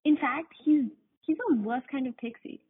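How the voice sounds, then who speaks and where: A woman's voice: sits high, moderate pace, a little hiss or hum. A woman from Canada leaving a voice message as a listener, reading a prepared, earnest argument. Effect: voice message played over a phone line. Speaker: listener caller. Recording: tinny phone voicemail.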